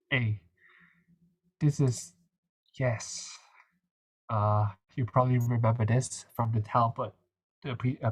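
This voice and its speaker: A man's voice: mid-range voice, darkish tone, slightly rough. A young man with a nasal voice, casually running a revision session and talking through quiz answers with plenty of fillers and restarts. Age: young adult. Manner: chatty, hesitant, many fillers. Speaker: medical student tutor.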